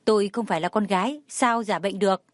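A woman voices a feisty young student passing as a boy who snaps back without hesitation. Her speech is fast and mid-pitched, recorded close and dry. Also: no room sound, natural voice. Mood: retorting. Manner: sharp, retorting.

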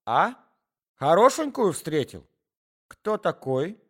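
A man's voice: fairly high pitch, sing-song, slow pace, voice pushed up, heavily acted. A man voicing a forgetful old husband who rambles and coughs as he talks. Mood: doddering chatter. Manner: rambling, wheezy, coughs often.

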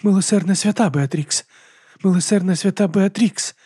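A man's voice: high voice, normal speed, breathy edge, no echo, clean studio sound, pitched above the performer's own voice. A man reading an audiobook voicing a timid, whining monk who prays in fear. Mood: fearful prayer. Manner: whining, fearful praying.

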